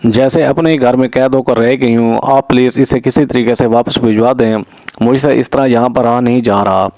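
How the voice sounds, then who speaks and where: A man's voice: mid-range voice, fairly even intonation, darkish tone, no echo, natural voice. A man reading as a pleading young woman. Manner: pleading, tearful.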